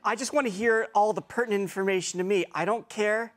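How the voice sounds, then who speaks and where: A man's voice: high-pitched, steady tone, fast, background noise. A man on a comedy talk panel, jokey and laid-back.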